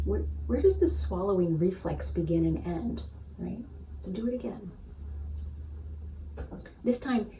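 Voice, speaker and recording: A woman spiritual teacher leading a gentle guided practice, soothing and unhurried, often checking in with "right?". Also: fairly low pitch, distant mic, slight background noise, poor audio.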